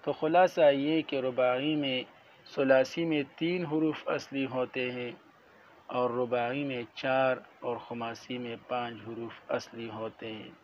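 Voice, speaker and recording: A man teaching a classroom lecture, explaining each point methodically and repeating terms slowly. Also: medium pitch, steady tone. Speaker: religious studies teacher. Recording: dull lo-fi audio with faint noise.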